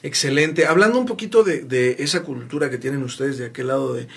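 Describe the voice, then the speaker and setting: A man's voice: mid-range voice, a little fast, gravelly, breathy edge. A young man with a Mexican accent hosting a TV talk show in a studio, effusive and full of praise for his guest. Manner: warm, effusive, repeats "mi queridísimo". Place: small bright TV studio.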